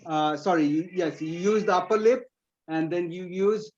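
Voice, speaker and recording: A man's voice: high-pitched, moderate pace, muffled recording. A man whose first language is Bengali explains pronunciation to teachers at an online forum, repeating words as he thinks. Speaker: presenter answering teachers' questions.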